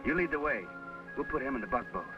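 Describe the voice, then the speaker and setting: An actor playing an easygoing young country doctor with a Southern accent and a folksy drawl, in a 1950s TV western. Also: male voice, medium pitch, animated, fast talker, over music, close to an everyday voice. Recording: dull lo-fi old TV soundtrack.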